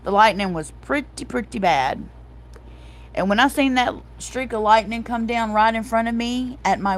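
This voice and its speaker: A middle-aged woman hosting a casual livestream, telling stories animatedly and calling her viewers y'all. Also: fairly high pitch. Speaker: livestream host.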